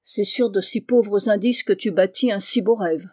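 A reader voicing a gentle, earnest young man. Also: mid-range voice, normal speed, no echo, clean studio sound, close to an everyday voice. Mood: sorrowful. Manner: earnest, grave. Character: gentle, timid young man, former bank clerk. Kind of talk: audiobook reading.

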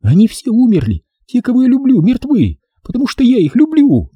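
A man's voice: high voice, animated, fast, slightly rough, no room sound, muffled recording, pitched above the performer's own voice. A man voicing a terrified young woman pleading for help over the phone, wailing and whispering in hysterics. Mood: hysterical.

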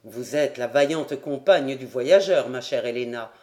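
A composed nobleman who leads by asking questions, calm and deliberate, read out by an audiobook narrator. His lines drop noticeably lower than the narration, giving them a grave, settled weight. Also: natural voice. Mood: measured. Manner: measured, questioning. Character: composed Scottish-born nobleman, expedition leader. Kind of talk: audiobook character voice.

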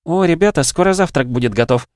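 A man's voice: fairly high pitch, fast talker, no echo, studio quality, voice pushed up, close to an everyday voice. A man reading an audiobook, voicing a cheerful, teasing young woman cooking breakfast. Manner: bright, teasing, lively.

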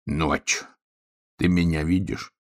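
A man's voice: very deep voice, fairly even intonation, takes it slowly, creaky, exaggerated voice. A man voicing an impulsive young bear cub who talks in short, blunt, bossy bursts. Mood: grumbling. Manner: blunt, brusque, mumbling. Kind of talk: audiobook character voice.

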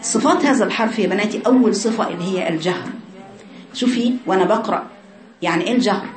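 A woman with an Egyptian accent teaching a tajweed lesson to female students, demonstrating sounds by repeating drawn-out syllables. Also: mid-range voice. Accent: Egyptian Arabic. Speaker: Quran recitation teacher. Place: classroom with women students. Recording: echoey room with crowd noise.

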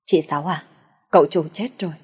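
A woman's voice: sits low, a little mellow, breathy edge. A woman narrator voicing a panicked male chauffeur bringing bad news in an audio story. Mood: alarmed. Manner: hurried, alarmed.

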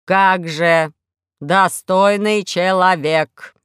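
A woman's voice: on the low side, fairly even intonation, smooth, dry recording, clean studio sound. Woman doing a gloomy grumbling robot safe. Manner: grumbling, slow and loud.

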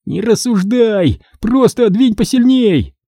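A nervous young teenage boy blurts out orders and pleas in a high voice, as a male narrator acts him out. His tone is husky, and the read is dry and close. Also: sing-song, moderate pace, dark tone, no echo, exaggerated voice. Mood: urgent.

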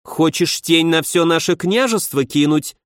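A man's voice: on the high side, measured pace, a bit bright, no room sound, clean studio sound, voice pushed up. A man narrating a story and voicing a stern young princess who holds court, speaking in a curt, commanding way.

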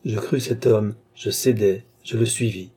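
A man's voice: on the low side, steady tone, a little slow, warm tone, husky. A man reading a remorseful young woman. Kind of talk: audiobook reading.

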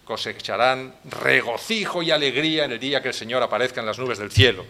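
A man with a Spain Spanish accent preaching a sermon as pastor, dramatic and swinging between hushed lines and loud outbursts. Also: medium pitch, a little fast.

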